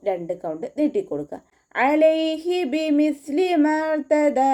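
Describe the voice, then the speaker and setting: Patient woman teaching recitation, mellow voice. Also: medium pitch. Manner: patient and methodical, gives mouth and tongue placement cues. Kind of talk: tajweed lesson, slow line-by-line instruction.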